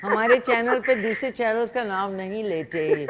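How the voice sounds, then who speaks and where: On a live morning TV show, a woman host and cooking presenter chats with callers and teases them while cooking in a studio kitchen, wearing a lapel mic. Her voice is medium in pitch and animated, with background noise present.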